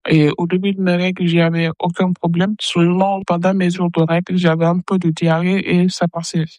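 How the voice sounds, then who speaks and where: Woman, twenties, electronically disguised voice, flat monotone, dry close sound, hesitant with pauses. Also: fairly low pitch, no room sound. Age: 20s. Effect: voice electronically disguised for anonymity. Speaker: caller leaving a question. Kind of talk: recorded voice message.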